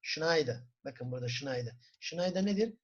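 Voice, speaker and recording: A man with a Turkish accent teaching a German class, asking the students questions, answering them himself and repeating words slowly for pronunciation. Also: fairly high pitch, lively intonation, slight background noise. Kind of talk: classroom lesson. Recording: dull lo-fi recording.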